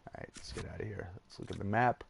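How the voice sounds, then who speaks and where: A man's voice: on the low side, quick pace, vocal fry, slight background noise. A tired man rambling through casual gameplay commentary, chuckling at himself and hesitating often. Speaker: let's play gamer.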